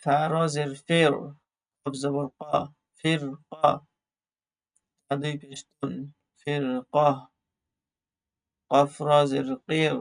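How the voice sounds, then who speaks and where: Gravelly, flat-voiced male Quran teacher. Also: fairly high pitch. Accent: Bangladeshi Bengali. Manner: slow, drawn-out recitation of letters and vowel marks. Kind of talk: spelling out Arabic syllables in an online class.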